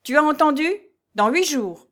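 A woman voicing a short, harsh male steward in a storybook reading, barking loud orders. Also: high voice, lively intonation, moderate pace, pitched above the performer's own voice. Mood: furious.

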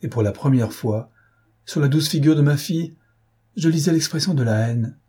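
A man's voice: fairly high pitch, normal speed, warm tone, breathy edge, voice pushed up. A man voicing a grief-stricken middle-aged father, speaking in anguish. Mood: despairing. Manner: anguished, pleading.

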